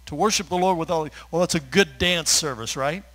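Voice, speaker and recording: Emotional man preaching a relaxed sermon. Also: a little high, fairly quick, poor audio. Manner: conversational preaching with fillers and asides; gets emotional, laughs through his words. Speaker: pastor.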